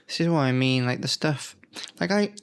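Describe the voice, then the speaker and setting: Though he's feeling unwell, the host of this gaming channel sounds animated, talking at a normal speed in a clean, medium-pitched voice. He revisits old magazines with casual, rambling, nostalgic commentary, thinking out loud and stopping often to correct himself.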